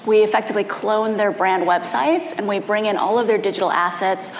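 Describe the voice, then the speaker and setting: A woman's voice: medium pitch, a little fast. A woman panelist, a startup founder, introducing her company conversationally. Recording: echoey room with background noise.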